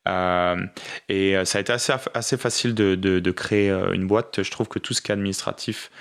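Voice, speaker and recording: A young man from France telling about his life and business abroad in a relaxed interview, full of fillers and restarts. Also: sits low, fairly quick, creaky. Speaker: interview guest, business owner in Australia. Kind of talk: casual podcast interview.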